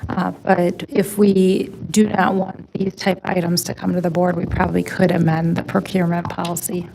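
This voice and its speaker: A woman on village staff who explains a funding question to the board in a measured way. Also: fairly low pitch, level tone, creaky, noisy background. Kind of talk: explaining at a public meeting.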